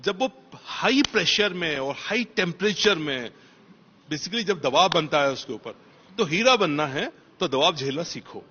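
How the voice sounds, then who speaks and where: A man's voice: a little high, expressive, measured pace, sharp tone, slightly rough, highs cut off. Emphatic man giving motivational advice. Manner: emphatic, repeats key phrases for stress. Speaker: police officer. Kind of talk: motivational interview answers.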